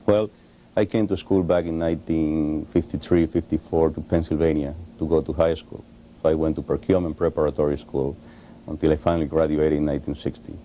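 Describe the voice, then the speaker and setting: A Cuban-accented man in his forties, a Spanish speaker, answering in a TV studio interview, halting with many pauses and restarts, on a lapel mic. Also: extremely low pitch, level tone, dark tone, a little hiss or hum. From Cuba. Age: 40s. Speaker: interview guest, author.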